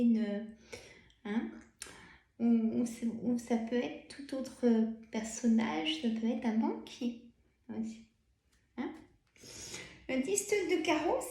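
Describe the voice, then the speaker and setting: A tired woman with a Burgundy French accent, chatting as she reads tarot cards, full of fillers and soft laughs. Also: a little high, gravelly, echoey room. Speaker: tarot card reader. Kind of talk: casual card-reading video.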